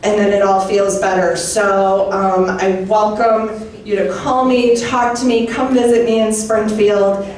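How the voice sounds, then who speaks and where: A woman state legislator giving a warm, earnest campaign speech of thanks to constituents. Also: medium pitch, level tone, a little slow. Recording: echoey room from far off.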